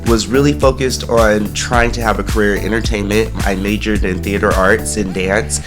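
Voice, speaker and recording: A man's voice: on the low side, fairly even intonation, normal speed. Man in his forties, music behind. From San Francisco Bay Area, California. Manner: friendly, laughs easily, storytelling. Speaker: guest, actor and dancer. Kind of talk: casual interview chat. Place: podcast studio.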